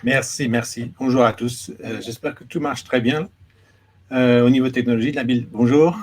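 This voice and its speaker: In a moderated conversation in New York, a male education attaché interviews an author. His mid-range, slightly mellow voice has fairly even intonation and a moderate pace, with a little hiss or hum in the audio, and he speaks hesitantly, repeating words as he builds his questions.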